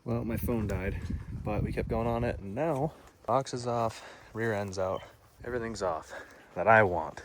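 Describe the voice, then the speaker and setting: At a moderate pace and in a lowish voice, a young man casually talks through his truck project, rambling and joking about himself. Heavy background noise surrounds him as he works in his backyard and workshop, sometimes out of breath. He's recorded on a phone camera set up close by.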